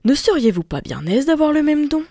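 A shrill, scheming peasant mother from a storybook, as a woman narrator puts her on. The voice climbs high and loud, and the recording is close and dry. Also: very animated, brisk, dry recording. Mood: coaxing. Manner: shrill, exclaiming.

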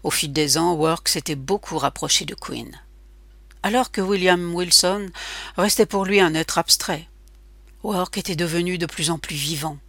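A woman narrates a literary audiobook with a measured, even delivery. Her voice is low-pitched and breathy-husky, recorded close and completely dry. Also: no room sound.

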